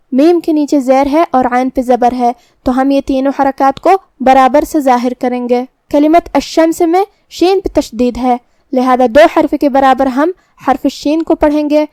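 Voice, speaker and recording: A woman teaching Quran recitation, calmly explaining each letter step by step and reciting verses slowly. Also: high voice, no room sound, studio quality. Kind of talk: tajweed lesson with slow recitation.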